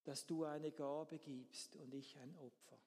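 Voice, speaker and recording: A man voicing a thoughtful pig in a sermon story, speaking slowly and wryly. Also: on the high side, fairly even intonation, a little mellow, long reverb tail. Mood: pensive.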